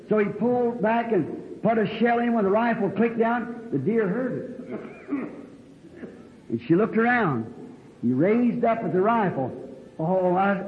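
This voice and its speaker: Preacher guy telling a story, real high voice, dull old recording. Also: roomy sound, big-room sound, slight background noise. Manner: folksy storytelling, rural dialect grammar. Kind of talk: sermon with a told story.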